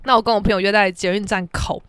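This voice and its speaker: A woman's voice: mid-range voice, fairly even intonation, fast talker, smooth, no echo, clean studio sound. A woman with a Taiwanese Mandarin accent hosting a podcast, telling a story in a brash, profane, dramatic way. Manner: brash, profane, dramatic, shouts out reenacted quotes. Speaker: podcast host. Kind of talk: casual storytelling monologue.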